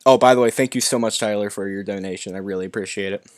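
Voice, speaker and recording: Reading movie news aloud during a live stream, this young YouTube host stumbles and restarts words as he comments. He has a lowish, clean-toned voice with fairly even intonation and a quick pace. It's a dry recording.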